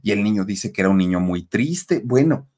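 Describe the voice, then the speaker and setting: A man's voice: lowish voice, lively intonation, moderate pace, darkish tone. A man with a Mexican accent telling a horror story in a conversational manner, speaking straight to his listeners. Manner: conversational, addresses listeners directly.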